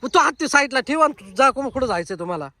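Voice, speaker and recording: A woman in a village comedy sketch, scolding loudly and repeating her orders outdoors. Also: high-pitched, animated, racing, a crowd in the background. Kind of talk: loud scolding rural chatter.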